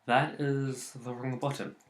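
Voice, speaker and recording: The reverberant recording carries a man's medium-pitched, flat, unhurried voice as he plays a game and talks casually about it. Acting as a let's play host, he rambles, mutters, and curses whenever an attempt fails.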